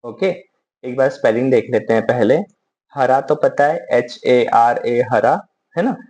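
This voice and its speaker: A man's voice: mid-range voice, measured pace, a little mellow. A man with an Indian English accent teaching vocabulary in a casual, chatty way, with many fillers.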